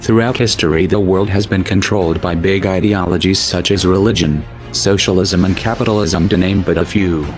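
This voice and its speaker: A man with a disguised, pitched-down deep voice delivering a solemn, declamatory scripted narration. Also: steady tone, normal speed, hardly any pauses. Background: music.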